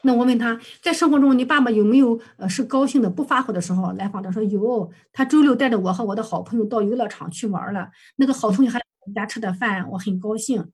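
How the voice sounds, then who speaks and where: A woman's voice: on the high side, fast talker, hardly any pauses, breathy edge. A woman counselor presenting a client case for supervision, recounting session dialogue hesitantly with many fillers and self-corrections.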